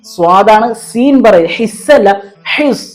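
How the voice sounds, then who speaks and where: A man teaches Quran recitation from a board in a studio classroom. His talk is easy and explanatory, and it turns slow and raised whenever he spells out letters one by one for his students. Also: animated, darkish tone, soft background music. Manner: rises in pitch and slows when spelling letters, casual aside elsewhere.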